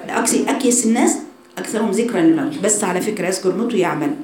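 Egyptian woman religious teacher, fast and animated lesson, roomy echo. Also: medium pitch, a crowd in the background. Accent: Egyptian Arabic. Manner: animated, addresses listeners directly.

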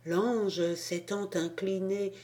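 A woman reading a storybook aloud as an audiobook narrator, calm and measured. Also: medium pitch. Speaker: audiobook reader.

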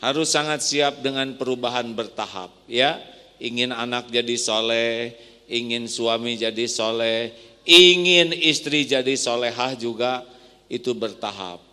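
A man preaching an emotive sermon, dropping to a hush and then rising to loud questions. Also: mid-range voice, a little slow, smooth. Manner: emotive, swinging from soft to loud. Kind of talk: sermon to women. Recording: long hall reverb.

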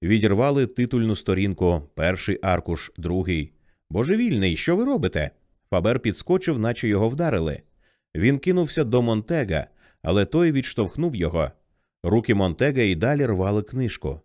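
A man narrating an audiobook in an expressive reading style. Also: on the low side, normal speed, no echo, studio quality. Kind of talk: scripted narration.

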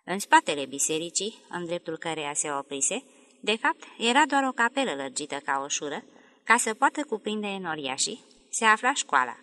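Bright, expressive woman narrating an audiobook. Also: on the low side.

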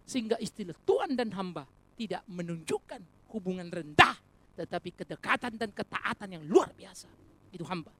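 With a medium pitch, normal speed and a breathy edge, a preacher addresses the congregation as brothers and sisters. The sermon is animated and rhetorical, mixing humorous asides into earnest messages.

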